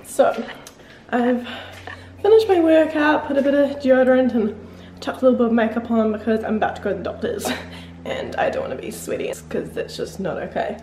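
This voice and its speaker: Young New Zealand-accented woman vlogger, bright high voice, upbeat chatty delivery. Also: background noise. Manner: chatty, upbeat, quick asides to camera. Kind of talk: casual vlog narration.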